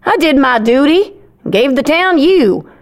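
An actress playing a blunt, sharp-tongued, mocking middle-aged village mother in a fantasy audio drama. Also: high-pitched, animated, measured pace. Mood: scornful, scolding.

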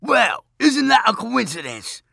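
A man voicing a huge, mad male demon who shouts threats and mocks with a buzzing voice. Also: extremely high pitch, sing-song, measured pace, creaky, husky, no echo, studio quality, pitched above the performer's own voice, heavily acted. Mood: menacing, mocking. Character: huge raging male demon, mocking and menacing.

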